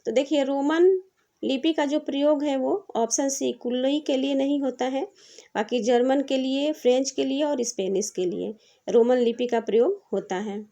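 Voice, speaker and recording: Woman teacher doing exam prep, high voice but mellow, reads every question twice then goes over it patiently. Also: normal speed.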